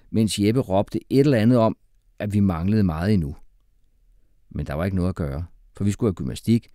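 A man narrating a children's storybook in a lively, expressive way. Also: sits low, no echo, studio quality. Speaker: audiobook reader.

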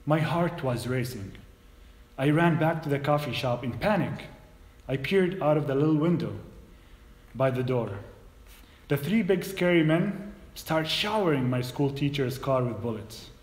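A man in his thirties from Palestine, a native Arabic speaker, giving a measured personal talk as a guest speaker in a church hall. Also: medium pitch. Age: 30s. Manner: measured, hesitant at first then steady storytelling. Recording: roomy hall echo.

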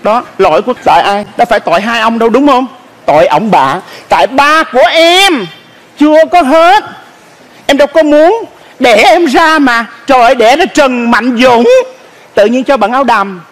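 Whiny flamboyant son, real high voice, fussy stage comedy bit. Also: male voice, animated, moderate pace, fairly bright tone, heavily acted. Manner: flamboyant, whining complaints.

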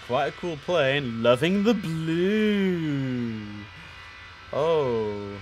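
With a mid-range voice, a young man on a headset streams an air traffic control game, chatting casually. He reads out radio calls in a relaxed style, repeating words to drive them home.

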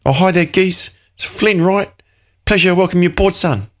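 A man's voice: sits high, moderate pace, pitched above the performer's own voice, lightly acted. A man voicing a jowly, blokey male trader with a Cockney accent and a hearty, overly familiar manner.

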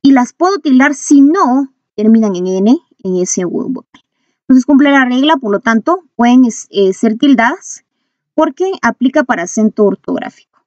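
A woman teacher explaining spelling rules in a lesson, with a steady pace, "eh" fillers and frequent repetition of the rules. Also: on the high side, no echo. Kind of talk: classroom grammar lesson. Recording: dull lo-fi dry recording.

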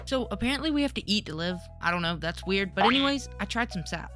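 A woman's voice: medium pitch, lively intonation, fast, a bit bright. A woman host narrating her first run of a farming game with joking, self-mocking humor. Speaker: gaming channel host. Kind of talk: narrated gameplay vlog. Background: game music.

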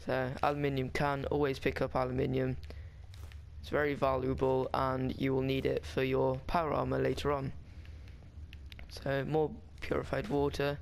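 A man's voice: medium pitch, completely flat delivery, normal speed, gravelly, a little hiss or hum. A man talking casually over a game walkthrough, rambling and chatty with frequent restarts. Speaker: gaming guide maker.

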